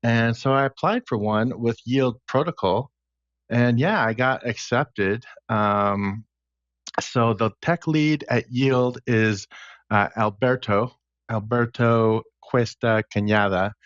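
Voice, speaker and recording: A man's voice: medium pitch, slow, no room sound, highs cut off. A man chatting casually as a podcast guest, recounting his career path step by step. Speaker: podcast guest, smart contract engineer. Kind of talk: casual interview chat.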